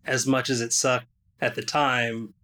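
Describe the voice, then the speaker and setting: A young man hosts a podcast in a relaxed, conversational way. His voice is bright and a little tense. He talks loosely, with quick asides and the odd laugh, at a middling pitch. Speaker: podcast host. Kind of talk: casual podcast chat.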